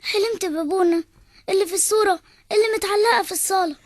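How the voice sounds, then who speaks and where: A woman's voice: very high-pitched, very fast, dry recording, studio quality. A woman voicing a frightened little blind boy with an Egyptian accent, speaking in a tearful, pleading way. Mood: confused. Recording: background music.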